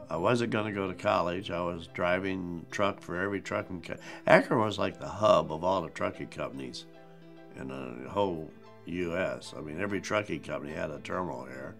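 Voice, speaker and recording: A man in his seventies with a very low, gravelly voice recounts his working years plainly, sometimes speeding up to make a point. Soft music plays faintly behind him. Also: moderate pace. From Ohio. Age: 70s. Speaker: interviewee. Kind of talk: documentary interview storytelling.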